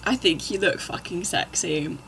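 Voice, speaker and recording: A man's voice: sits high, moderate pace, sharp tone, a little hiss or hum. A woman reading the lines of a smug, teasing young man in a fanfic.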